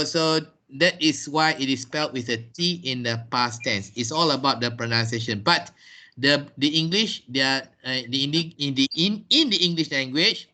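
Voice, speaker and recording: A man's voice: medium pitch, sharp tone. A man with a Malaysian accent teaching English pronunciation in a class, spelling words out letter by letter and repeating himself as he explains. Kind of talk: classroom lesson. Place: workplace training room.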